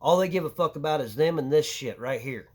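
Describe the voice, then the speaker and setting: A man's voice: fairly high pitch, animated, a little fast, darkish tone. Angry, foul-mouthed ranting man. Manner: angry, crude and swearing heavily. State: short of breath at times. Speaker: vlogger. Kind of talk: profane ranting monologue.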